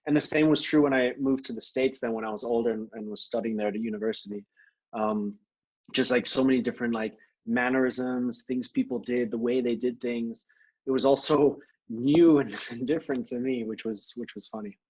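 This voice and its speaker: A man from Thailand, a podcast guest, chatting casually in a relaxed, rambling way with many fillers and restarts, heard over a video call. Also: mid-range voice, brisk, husky, poor audio. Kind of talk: casual conversation. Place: grandmother's home.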